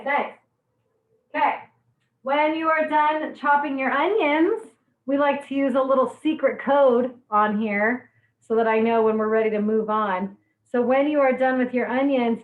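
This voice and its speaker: A woman with a fairly high voice teaches a live online cooking class, bubbly and chatty, laughing at her own jokes while teary-eyed from chopping onions. The sound is phone-quality in an echoey room.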